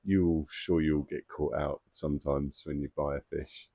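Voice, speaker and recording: Low-voiced man telling a story. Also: fairly even intonation, normal speed, dark tone, no echo. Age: adult father of two boys. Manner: chatty, self-mocking, laughs as he tells it. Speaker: koi-keeping vlogger. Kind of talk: casual storytelling to camera.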